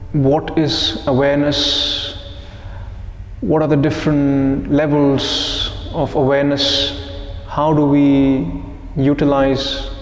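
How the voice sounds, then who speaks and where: A man leading a live meditation group, talking slowly and calmly, asking the group questions and repeating their answers back. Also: mid-range voice, echoey room, big-room sound. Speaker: meditation teacher. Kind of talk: live guided meditation talk.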